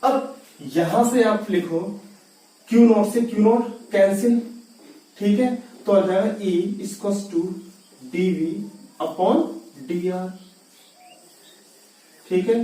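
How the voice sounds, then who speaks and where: This physics teacher talks slowly and pauses often, his voice sitting high but dark in tone. Lecturing as if to a class, he asks questions, answers them on his own, keeps repeating key terms, and slips English words into what he says. The recording has a distant voice in an echoey room.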